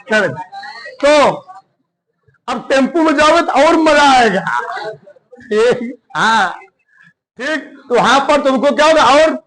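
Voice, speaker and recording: A man's voice: extremely high pitch, fairly bright tone, rough recording. A male chemistry teacher gives a classroom lecture. He keeps putting questions to his students and repeating the key words.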